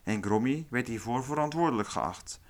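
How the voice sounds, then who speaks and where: A man hosting a podcast, reading a scripted true-crime narration in a calm, measured way. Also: mid-range voice. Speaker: podcast host.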